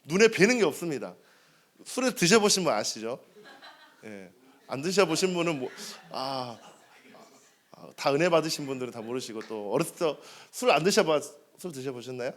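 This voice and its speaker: Male pastor, 30s, animated sermon delivery, frequent rhetorical questions to the pews. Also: a little high, normal speed. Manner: lively, asks the congregation questions and answers them. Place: church sanctuary.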